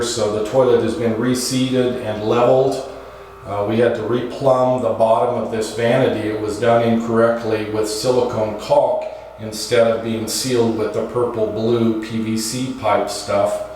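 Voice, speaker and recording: A man narrates a casual property tour in a matter-of-fact, itemizing way, with a mid-pitched voice. The sound is strongly reverberant, like bare rooms in an empty house, with a faint layer of noise. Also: level tone, normal speed, darkish tone. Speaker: property owner and video host.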